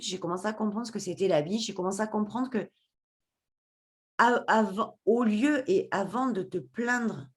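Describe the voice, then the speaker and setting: Expressive woman telling her story. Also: mid-range voice. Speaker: podcast guest. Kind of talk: personal storytelling.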